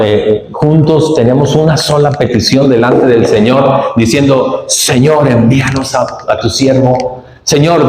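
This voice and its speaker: Northern Mexican pastor preaching in an echoey church. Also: male voice, mid-range voice, darkish tone. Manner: dramatizes scenes, acting out the characters' lines; asks the congregation frequent rhetorical questions. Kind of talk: sermon. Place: church sanctuary.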